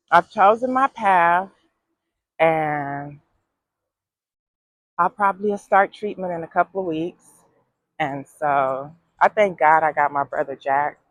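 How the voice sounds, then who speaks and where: A woman's voice: deep voice, no echo, poor audio. A woman vlogging in a casual, heartfelt way, giving frank, folksy advice with some sass and a preachy streak. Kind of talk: casual heartfelt vlog talk.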